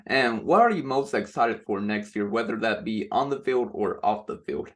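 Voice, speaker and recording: A man's voice: lowish voice, animated, moderate pace. A man conducting a casual sports interview as the interviewer, asking conversational questions.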